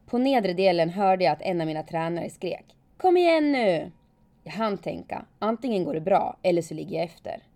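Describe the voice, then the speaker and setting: A woman calmly narrating her own story in the first person, reflective and steady. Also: fairly low pitch, creaky, few pauses. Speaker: former alpine skier telling her story.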